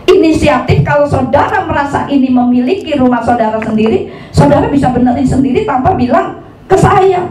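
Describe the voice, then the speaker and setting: A woman pastor preaches in a high, animated voice, slipping into street slang and acting out the voices she quotes. The sound is roomy and echoing, with the mic some way off and a faint hum of the hall behind her. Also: brisk, far from the mic. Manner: lively, mixes Jakarta slang with preaching, acts out quoted voices. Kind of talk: sermon. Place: church hall.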